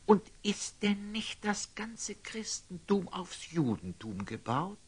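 A male actor in a radio play gives a full character voice as a humble, kindly old lay brother, delivering classical verse haltingly. His voice sits high, husky and gentle with a sing-song lilt, and the mood is warmly earnest.

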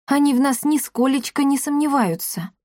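Eager boy, higher and lively, voiced by a woman; dry sound. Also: moderate pace, no echo. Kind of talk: audiobook character voice.

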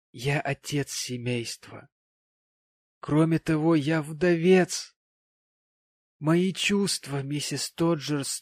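A man voicing a tipsy, tearful, sanctimonious widowed gentleman, talking in a maudlin, slurred, pompous way in an audiobook. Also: fairly high pitch, no echo, clean studio sound, voice pushed up.

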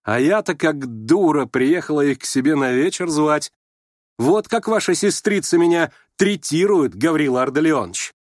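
A man's voice: mid-range voice, very animated, unhurried, few pauses, breathy edge, no room sound, clean studio sound. A man voicing a proud young woman who mocks and teases. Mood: mocking. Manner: teasing, scornful.

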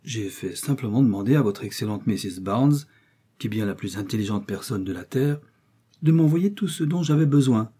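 Man reading as modest young girl, gentle, slightly husky, audiobook. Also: fairly low pitch, animated, normal speed. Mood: polite.

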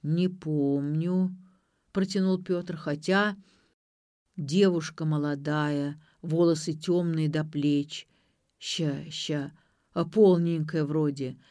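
A muddled, hungover drunk man, acted by a woman reader, groaning and dragging each word out slowly. The lines are read dry and close for an audiobook. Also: on the low side, a little mellow, dry recording, close to an everyday voice. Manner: slow, groaning, drawn-out. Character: confused, hungover middle-aged alcoholic man, moaning.

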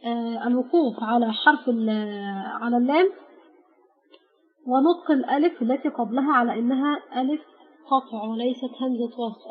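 A woman with an Egyptian accent gives a patient grammar lesson. She names each letter with a pause after it. Her voice is fairly high and husky, and the recording sounds dull and lo-fi. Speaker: Arabic teacher.

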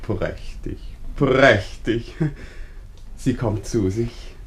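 An actor playing a chatty, overpolite village neighbor who rambles in effusive, ingratiating politeness, in a classic radio drama. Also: male voice, mid-range voice, extremely slow, a little hiss or hum. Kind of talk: 1950s-style radio drama acting.

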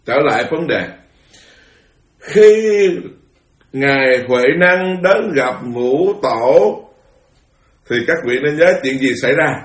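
A man delivering a Buddhist sermon, moving between quiet asides and forceful outbursts. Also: medium pitch, lively intonation, measured pace, reverberant. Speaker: Buddhist monk teacher.

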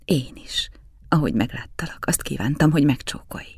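A reader voicing a young woman who confesses her love in a hushed whisper, as whispered role-play. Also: medium pitch, lively intonation, breathy edge, no echo, studio quality. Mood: tender. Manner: hushed, intimate.

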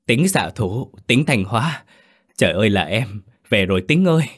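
A man voicing an elderly former officer who exclaims loudly in joy. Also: on the low side, animated, normal speed, slightly rough, voice pushed up. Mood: overjoyed. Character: old male ex-officer, overjoyed at reunion.

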